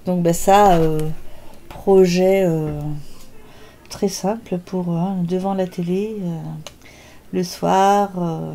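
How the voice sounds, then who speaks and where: A woman's voice: mid-range voice, mellow. An older woman hosting a knitting podcast, chatting casually and hesitantly with lots of filler sounds as she shows her work. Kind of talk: casual show-and-tell chat.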